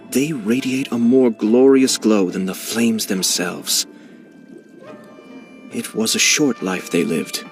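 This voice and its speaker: Voicing a young male clan head for a video game, an actor gives a lowish, smooth delivery. The character comes across as genteel and scheming, measured and courteous, with a quiet amusement in the lines.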